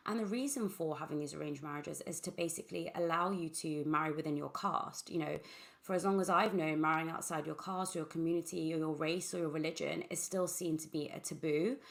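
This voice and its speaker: A woman's voice: deep voice, steady tone, fairly quick, vocal fry. A young woman hosting a podcast, speaking enthusiastically as she welcomes and questions her guest. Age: young adult. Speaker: podcast host. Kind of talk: casual interview conversation.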